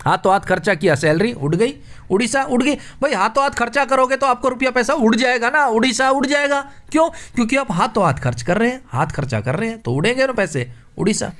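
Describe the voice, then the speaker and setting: A man's voice: very high-pitched, lively intonation, a little fast, fairly bright tone. A man teaching a current affairs quiz lesson, joking through memory tricks and calling his listeners brother. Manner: playful, jokey mnemonics, addresses listeners as brother. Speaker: exam coaching teacher.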